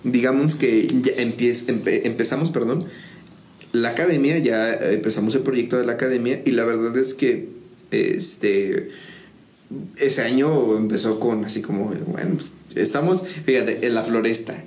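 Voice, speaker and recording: A man's voice: medium pitch, unhurried, darkish tone. A man, a music school founder, telling his story in a casual interview with many fillers and restarts. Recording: echoey room with faint noise.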